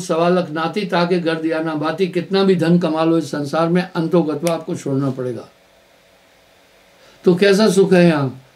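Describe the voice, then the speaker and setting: With a voice on the high side and slightly mellow, this man delivers a live satsang sermon as a spiritual teacher. He tells stories and hammers each point by repeating key words.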